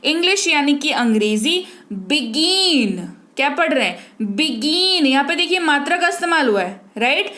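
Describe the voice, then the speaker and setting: Female teacher, high voice, patient and repetitive, quizzes the learner. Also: lively intonation, normal speed, pushed and bright. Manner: patient, repeats and quizzes the viewer. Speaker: English teacher. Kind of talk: spoken language lesson.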